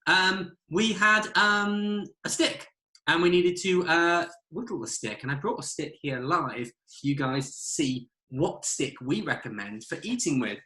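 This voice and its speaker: A man's voice: fairly high pitch, expressive, measured pace, bright, forceful tone, breathy edge. A British man giving a live outdoor cooking demonstration by a campfire, instructive and friendly, speaking to children watching. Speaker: forest school instructor.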